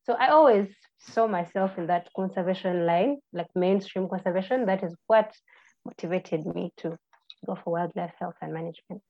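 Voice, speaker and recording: Ugandan woman with slightly muffled audio. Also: on the low side. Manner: friendly, halting, with restarts and fillers. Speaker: podcast guest, birding tour guide. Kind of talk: casual interview answers.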